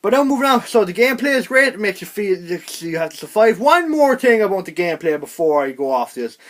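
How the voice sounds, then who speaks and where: A young man giving a casual spoken video game review, rambling and animated, with frequent restarts. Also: sits high, fast.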